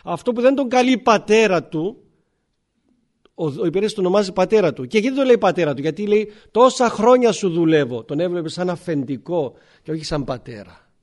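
A male priest with a fairly high, animated, slightly mellow voice delivers a sermon. He works through scripture using rhetorical questions and often clears his throat while speaking.

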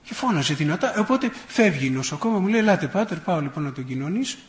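Fervent man preaching with higher pitch. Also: big pitch swings, echoey room. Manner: emphatic, builds long rhetorical lists with rising intensity; folksy, tells personal anecdotes with self-irony. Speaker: priest. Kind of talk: sermon.

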